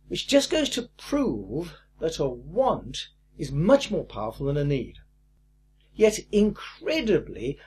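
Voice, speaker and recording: An older man teaching a recorded course lesson in a lively, emphatic way with a husky voice. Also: fairly high pitch. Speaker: course instructor.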